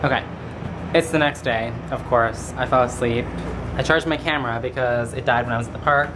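A man's voice: medium pitch, a little fast, background noise. A young man chatting casually and informally to his vlog camera at arm's length in a hotel room. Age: young adult. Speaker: vlogger. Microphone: handheld camera at arm's length.

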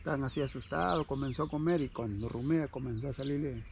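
Fast, gravelly-voiced middle-aged farmer. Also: male voice, mid-range voice, dull audio, a little hiss or hum. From Peru. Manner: halting, repetitive, animated retelling. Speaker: farmer witness. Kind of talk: on-site eyewitness interview. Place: outdoors on a rural farm.

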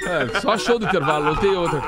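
A man's voice: a little high, lively intonation, fast talker, over loud music. A man bantering on a comedy radio show, laughing hysterically as he talks, close on a studio microphone. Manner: hysterical laughing, breaking into laughing fits while talking. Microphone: studio microphone, close, with headphones.

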